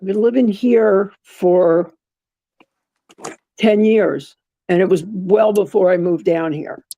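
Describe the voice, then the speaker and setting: A guest in a casual live-stream chat speaks slowly and thoughtfully. The voice is dark and mellow. Pauses come often as the speaker searches for the right word. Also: mid-range voice, dry recording, highs cut off. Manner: slow, thoughtful, searching for words.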